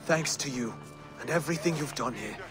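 A man's voice: medium pitch, fairly quick, loud music behind the voice, lightly acted. An actor playing a humble, grateful young Saxon king in a dramatic video game scene. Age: young adult.

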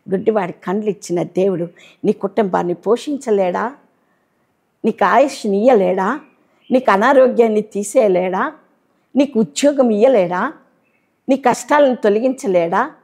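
A middle-aged woman preaching a sermon, pleading with listeners and swinging between loud exhortation and hushed tones. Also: medium pitch, normal speed, slightly rough. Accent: Telugu.

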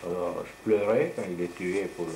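Grandpa voice, elderly man, low pitch, colloquial rambling reminiscence, noisy home camcorder recording. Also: normal speed, creaky, a little mellow, roomy sound. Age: elderly, 70s or older. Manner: grandpa voice: old man's rambling, colloquial storytelling. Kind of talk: casual reminiscing and storytelling. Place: living room at home. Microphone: camcorder microphone across the table.

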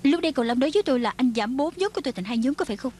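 A woman dubbing a brisk, sharp-tongued female film director in a TV drama. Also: sits high, expressive, slight background noise. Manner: quick and bossy. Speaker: dub actor. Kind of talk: Vietnamese dub of a TV drama.

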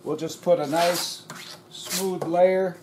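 A man walks through auto body repair step by step in a plain, practical way. His voice sits a bit high for a man. The recording has a roomy echo and a faint hiss of noise behind it. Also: steady tone, takes it slowly, darkish tone. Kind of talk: voice-over narration of a shop demonstration.

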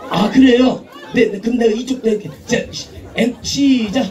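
A man's voice: very high voice, steady tone, moderate pace, noisy background. A man doing bawdy stage comedy, teasing and coaxing his audience to chant along at an outdoor show. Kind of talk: bawdy stage banter with the crowd. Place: outdoor stage before a live crowd. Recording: distant outdoor mic with loud crowd.

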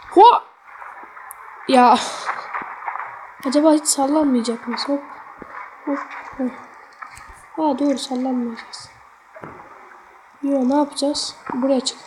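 A woman's voice: a little hiss or hum, low-quality recording. A woman giving casual let's-play commentary on a mobile game, cheering on and cursing at the character with sudden yelps when she fails. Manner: excitable, sudden high yelps when failing.

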